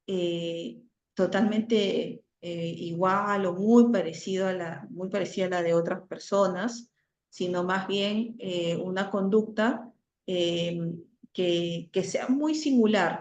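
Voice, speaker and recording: A woman's voice: mid-range voice, measured pace, darkish tone. Woman lecturing, roomy lo-fi sound. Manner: frequent "¿no?" tags and hesitations. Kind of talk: online class lecture. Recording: roomy, dull lo-fi audio.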